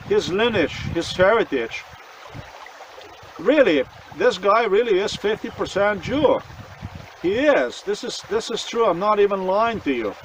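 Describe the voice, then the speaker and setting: A man's voice: high voice, slight background noise. A man from Slovenia, telling his own story in an earnest, insistent way that often circles back and repeats itself. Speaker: vlogger. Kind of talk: personal monologue to camera. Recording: voice distant from the mic.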